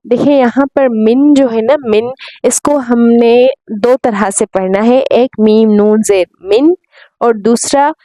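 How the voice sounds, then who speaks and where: A woman's voice: on the high side, takes it slowly, dark tone. A woman teaching Quran recitation rules, patiently spelling out letters and vowel marks and drawing out the recited syllables. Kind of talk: tajweed lesson.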